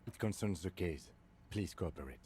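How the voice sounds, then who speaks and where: An actor playing a calm, formal police lieutenant in a video game, measured and polite. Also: male voice, low-pitched, a little hiss or hum. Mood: composed.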